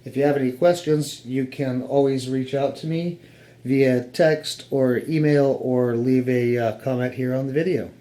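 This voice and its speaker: An American man with a mellow, mid-range voice speaks a little slowly and fairly evenly, casually explaining the equipment in his home office. He's a hobbyist radio operator showing off his setup in an indoor radio room, and the recording has a roomy echo with faint background noise.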